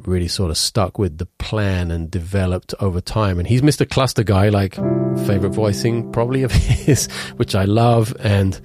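A man in his thirties, stuffed up with a cold, rambles casually about chord voicings in a composition lesson while piano plays in the mix. His fairly low, darkish voice moves at normal speed with hardly any pauses, full of restarts, fillers, and the occasional hummed note.

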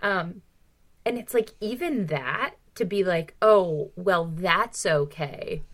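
Her voice is lowish, animated and a bit bright, moving at a slow pace. She co-hosts a podcast discussing books casually and with strong opinions, sounding emphatic, exasperated and freely profane.

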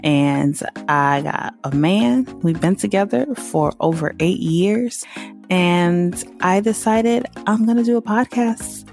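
Gravelly-voiced woman podcaster. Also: lowish voice, slow pace, a little mellow, soft background music. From Southern United States. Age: 30s. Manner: candid and chatty, laughs often, loose with filler words. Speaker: podcast host. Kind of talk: casual podcast monologue.

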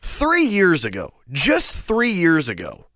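A man with a fairly high, hoarse voice on the verge of giving out chats as a podcast co-host. His pitch swings a lot as he makes emphatic, repeated points in loose, sweary language. The sound is close and dry. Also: wildly swooping pitch, slow, fairly bright tone, dry recording. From Kansas City, United States. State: voice nearly gone. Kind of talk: casual podcast chat.

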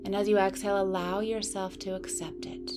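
A woman yoga instructor gently guiding breathing and movement in a calm, soothing voice. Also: medium pitch, brisk. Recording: clear music playing behind the voice. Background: soft instrumental music.

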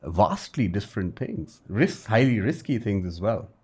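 A man's voice: lowish voice, expressive, measured pace, darkish tone, breathy edge. A man hosting an interview, asking short, probing follow-up questions.

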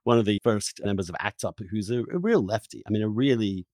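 A man's voice: on the low side, brisk, a little mellow, dry recording. A man hosting a podcast interview, talking in a reflective, hedging way and repeating words as he thinks. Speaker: podcast host. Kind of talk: conversational interview.

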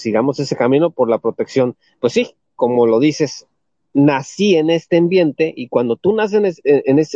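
A male host of a live audio talk, speaking calmly and courteously to callers. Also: on the high side, no room sound. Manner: calm, courteous, uses formal address. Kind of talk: live audio space hosting. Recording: slightly dull lo-fi audio.

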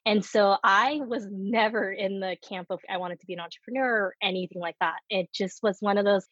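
The recording is dry with the highs cut off, capturing a woman's medium-pitched, slightly rough, somewhat bright voice at a fairly quick pace and fairly even intonation. A guest on a casual interview, she's a startup co-founder in her thirties from the United States whose first language is Korean, laughing often as she talks frankly about her life.

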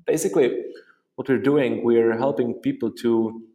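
A man's voice: mid-range voice, steady tone, normal speed, warm tone. Czech-accented man explaining, roomy echo. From Czech Republic. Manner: explanatory, frequent fillers like "you know" and "uh". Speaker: guest, software company co-founder. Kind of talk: interview answers.

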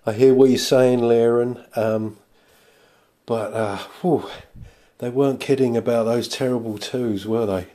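A man's voice: mid-range voice, fairly even intonation, moderate pace, warm tone. A man hosting a podcast, answering listener messages in a hesitant, self-deprecating way, with many fillers. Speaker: podcast host. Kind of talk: podcast chat replying to listeners.

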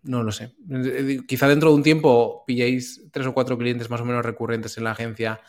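A man chats casually on a podcast, reflective and hesitant, with frequent fillers. His voice sits at a mid pitch for a man. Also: steady tone, brisk. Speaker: podcast co-host. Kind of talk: casual chat.

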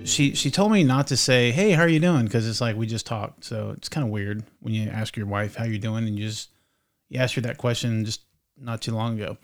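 A man's voice: fairly low pitch, brisk, faint music behind. A man hosting a podcast with his wife, talking in a loose, chatty way that wanders and often restarts mid-sentence. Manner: rambling and chatty, with frequent restarts. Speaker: podcast host. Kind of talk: casual podcast chat.

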